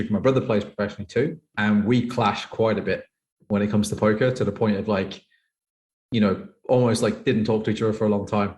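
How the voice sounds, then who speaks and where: A lowish, slightly mellow voice belongs to a thirty-year-old man from the United Kingdom who plays poker professionally. Chatting as a podcast guest, he rambles through stories about his life and says "like" a lot.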